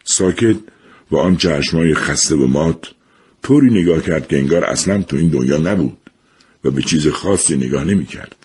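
A man reads a story aloud with a low, deep voice and a slightly husky grain. His delivery is measured and reflective, unhurried from line to line. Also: animated, a little mellow. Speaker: narrator. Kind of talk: storybook narration.

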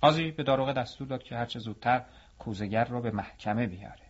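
A male storyteller narrates a folk tale and now and then speaks directly to his listeners. His voice sits at a medium pitch. The recording is muffled and lo-fi. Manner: addresses listeners warmly as dear ones.

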